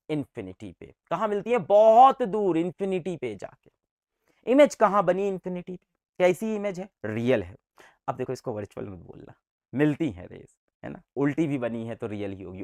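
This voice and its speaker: A man's voice: high-pitched, dry recording, clean studio sound. Playful man teaching with sound effects. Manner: playful, sing-song, mimics sound effects; repeats key words and quizzes the class. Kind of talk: science lecture to students.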